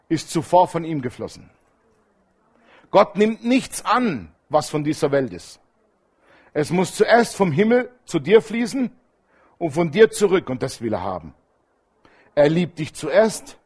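Husky animated male preacher. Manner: animated preaching, swings between loud emphatic lines and low hushed asides. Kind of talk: sermon.

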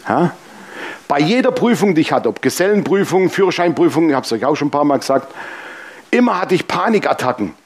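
A man delivers a sermon full of humorous personal anecdotes, addressing the congregation directly in a lively way. His voice sits on the high side, brisk and with a breathy edge.

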